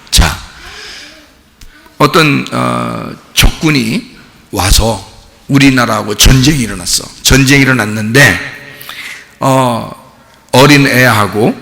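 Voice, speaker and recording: A man preaching a sermon as pastor, animated and full of rhetorical questions to the congregation, acting out quoted voices. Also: mid-range voice, vocal fry, big-room sound. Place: church sanctuary.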